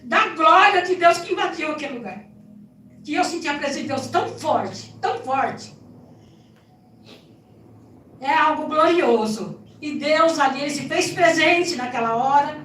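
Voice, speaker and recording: A high-pitched woman gives an emotional church testimony, telling it in an animated way and often checking in with her listeners. Her voice rings through a roomy sanctuary and sounds a little far from the mic, with faint music underneath. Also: moderate pace, slight background noise. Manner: animated storytelling with frequent tag questions. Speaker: church member giving testimony. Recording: echoey church hall, distant mic, soft music.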